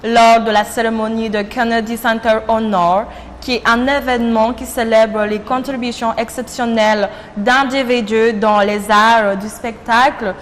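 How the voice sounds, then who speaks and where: A woman's voice: fairly high pitch, level tone, a little slow, a little hiss or hum. A young woman from Congo hosting a casual TV chat show, talking in a playful, chatty way and laughing at herself. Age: young adult. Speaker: TV show host. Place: TV studio. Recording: long reverb, faint ambience.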